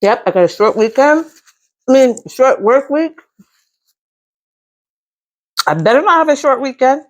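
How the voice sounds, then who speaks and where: A woman's voice: high-pitched, lively intonation, unhurried. A middle-aged American woman chatting casually to viewers as she eats, with savoring mms between bites. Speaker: mukbang host. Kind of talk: casual chat to viewers while eating.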